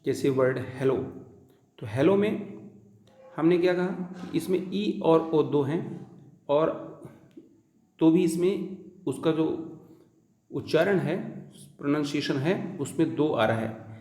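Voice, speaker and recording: A man explaining a lesson, slowly and deliberately repeating key terms. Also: medium pitch, mellow. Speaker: English teacher. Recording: echoey room.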